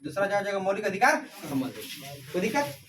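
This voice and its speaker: A man's voice: sits high, very animated, fast talker, a bit bright, slight background noise. Man drilling a class, mic far off. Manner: repeats questions to the class, calls students beta. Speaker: teacher. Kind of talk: classroom lecture with call-and-response drilling. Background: students answering.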